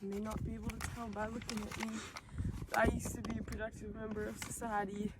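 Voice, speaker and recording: A young woman acting a grieving Cuban civilian woman who has turned to drugs, speaking deadpan in an amateur skit. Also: on the high side, fast, lightly acted. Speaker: student actor. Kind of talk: amateur school-project skit. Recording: noisy amateur recording.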